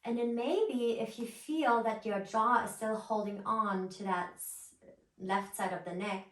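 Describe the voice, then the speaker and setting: A woman guiding a yoga class as instructor, with a gentle, nurturing and encouraging manner. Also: mid-range voice, steady tone, unhurried. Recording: roomy echo, distant microphone.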